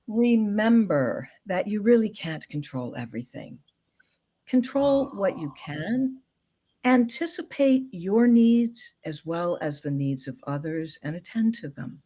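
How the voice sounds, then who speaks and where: Gentle, thoughtful woman expert. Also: mid-range voice. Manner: gentle, thoughtful, many fillers. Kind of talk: casual interview chat.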